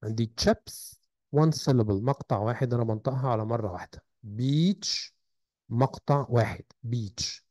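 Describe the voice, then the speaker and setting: A man with an Egyptian Arabic accent teaches a recorded textbook lesson, carefully spelling out sounds and words. This English teacher has a mid-range, slightly mellow voice at a moderate pace, in a dry recording.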